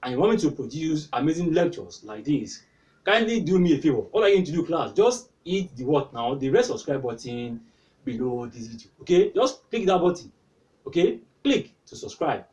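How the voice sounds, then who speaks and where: A man's voice: fairly high pitch, very animated, moderate pace, a little mellow, distant mic, rough recording. A man teaching a maths lesson, constantly prompting the class with "what now?" as he explains step by step. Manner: repeatedly asks "what now?" prompting answers. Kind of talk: whiteboard tutorial.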